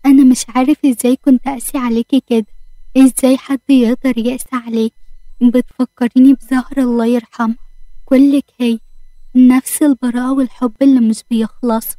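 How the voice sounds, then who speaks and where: A woman's voice: high-pitched, little pitch movement, fairly quick, mellow, no room sound, natural voice. A woman with an Egyptian accent voicing an older father who apologizes tenderly to his daughter, in a read-aloud story. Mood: remorseful.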